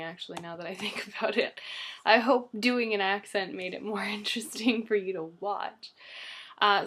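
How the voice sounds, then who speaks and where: A woman's voice: medium pitch, a bit bright. A young Canadian woman in casual vlog chat, rambling and giggling as she pokes fun at herself. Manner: rambling, giggly, self-deprecating. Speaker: vlogger.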